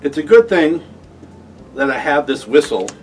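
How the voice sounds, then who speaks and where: A man's voice: a little high, sing-song, moderate pace, recorded from a distance, slight background noise. A man playing a storytelling game, making up his tale casually. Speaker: game player.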